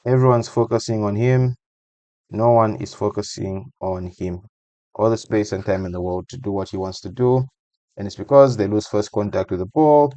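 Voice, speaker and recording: Male football analyst, low voice, dry close sound, chatty and repetitive. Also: moderate pace, warm tone, no room sound. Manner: conversational, repeats phrases for emphasis. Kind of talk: casual voice-over match breakdown.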